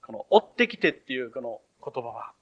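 A man's voice: medium pitch, very animated, fairly quick, gravelly, husky, highs cut off. A male pastor preaching an expository sermon, retelling scripture in a storytelling way with acted voices.

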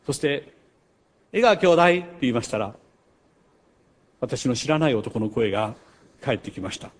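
An older man preaching a sermon. He tells stories, rising to loud emphasis and dropping to hushed asides. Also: mid-range voice, normal speed, husky. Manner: storytelling with wide swings between loud emphasis and hushed asides. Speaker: pastor.

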